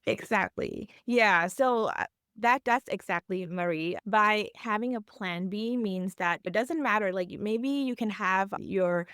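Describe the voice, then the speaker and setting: A woman's voice: mid-range voice, unhurried, a bit bright, clear, resonant tone, no room sound, clean studio sound. A woman, explaining earnestly as a financial coach in a podcast interview, with phrasing. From Thailand.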